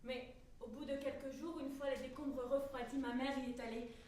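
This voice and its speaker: A woman's voice: high-pitched, steady tone, moderate pace, darkish tone, slight background noise, lightly acted. An actress playing an insistent woman who presses her point, on stage. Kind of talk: stage acting. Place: theater stage. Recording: distant stage recording in an echoey theater.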